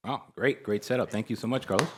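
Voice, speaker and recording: A man's voice: on the low side, fast talker, very noisy. A man moderating a conference panel, introducing the guests in an upbeat, joking way. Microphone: shared handheld mic.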